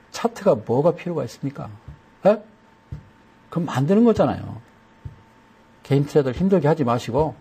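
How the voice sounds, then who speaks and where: A man's voice: a little high, darkish tone, slightly rough. A man giving a chatty broadcast lesson on stock chart settings, repeating each step and slipping in folksy jokes.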